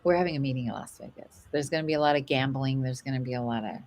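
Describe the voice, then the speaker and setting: A woman's voice: very deep voice, rapid-fire, darkish tone. A middle-aged woman co-hosting a show, chatting casually and greeting listeners by name. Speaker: radio co-host. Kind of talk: casual chat.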